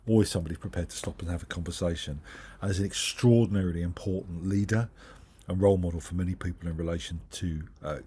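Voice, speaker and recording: A man's voice: sits low, fairly even intonation, fast talker, warm tone, slightly rough. A man who is short of breath, giving a hesitant, discursive spoken introduction as the host. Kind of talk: spoken introduction at an online talk.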